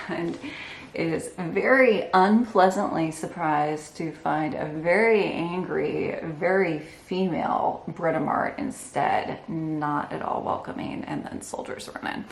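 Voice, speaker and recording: A woman's voice: low voice, creaky, roomy sound, a little hiss or hum. A woman hosting an embroidery channel, explaining her stitching with enthusiasm and wry asides. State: out of breath from holding a heavy piece. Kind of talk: casual show-and-tell narration. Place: indoor room with windows.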